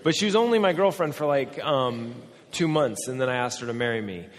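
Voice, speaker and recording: A man in his forties, a pastor, preaching a sermon and telling personal stories in an animated, self-deprecating way. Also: mid-range voice, a little fast. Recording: hall with long reverb.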